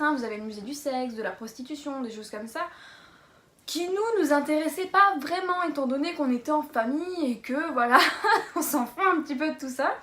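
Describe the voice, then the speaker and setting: A woman's voice: sits high, a bit bright, roomy sound. A young woman from Lorraine chatting casually about a trip in a travel vlog, hesitant and full of fillers. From Lorraine, France. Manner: chatty, hesitant with many fillers, laughs easily. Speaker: vlogger.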